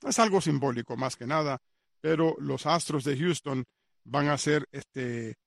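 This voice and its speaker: A man's voice: mid-range voice, a little slow, vocal fry, no echo, studio quality. A man hosting a sports radio show, chatty and repetitive, with frequent hesitant fillers. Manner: chatty, repeats details, many fillers. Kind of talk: casual radio sports commentary.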